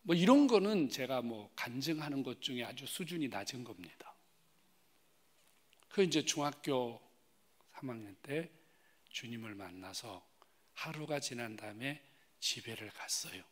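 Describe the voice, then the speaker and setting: Pastor preaching, jumping between loud and hushed. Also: male voice, medium pitch, lively intonation, measured pace, pauses often. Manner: swings from loud emphatic rises to hushed whispered asides; asks the congregation direct questions. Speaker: guest pastor. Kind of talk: sermon with personal testimony. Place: church sanctuary.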